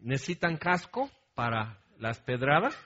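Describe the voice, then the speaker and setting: A man's voice: medium pitch, sing-song, unhurried, bright, forceful tone, lo-fi sound. A man with a Mexican Spanish accent preaching a sermon in a conversational way, often checking in with the congregation and telling humorous stories with asides. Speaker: pastor.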